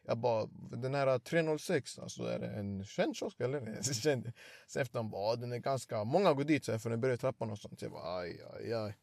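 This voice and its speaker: A young man, telling an animated story in casual slangy chat and acting out the quotes. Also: mid-range voice, creaky, few pauses, no room sound, studio quality.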